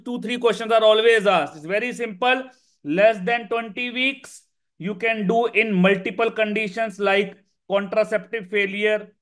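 A man with a North Indian accent and a high-pitched voice teaches in an informal way. He drives points home by repeating key phrases, slipping between English and Hindi as he explains. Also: a bit bright. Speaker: medical exam instructor.

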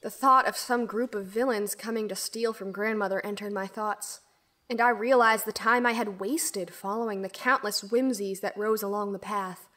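Her voice is medium-pitched, steady, sharp in tone and natural, moving at a normal speed. She's a woman acting as an earnest, dutiful young girl in an audio drama, formally narrating her own fairy tale in the first person with an earnest, reflective mood.

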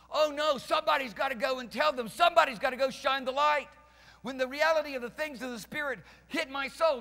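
A man's voice: very high-pitched, gravelly, pushed and bright. A man in his fifties preaching an emphatic, fervent sermon to a live congregation, pacing the stage with a headset mic. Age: 50s. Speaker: pastor. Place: church hall stage with band gear, live congregation. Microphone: headset mic, preaching while pacing and gesturing. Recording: long reverb of a church hall.

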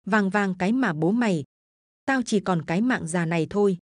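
A woman's voice: normal speed, no room sound, clean studio sound, natural voice. A woman doing a fierce old grandmother. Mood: furious. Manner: scolding, shrill rebukes. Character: angry stubborn old village grandmother.

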